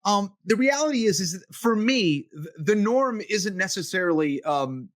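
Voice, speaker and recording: Male co-host and fight analyst, somewhat high pitch, easygoing and rambling, dry mic. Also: moderate pace, no room sound. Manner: relaxed, loose, many fillers like "you know". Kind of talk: casual sports podcast chat.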